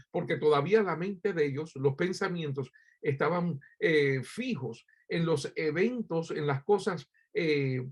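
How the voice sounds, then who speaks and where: A man's voice: fairly high pitch, husky. A man from Cuba preaching a sermon as pastor, addressing listeners directly with rhetorical questions and frequent hesitant fillers.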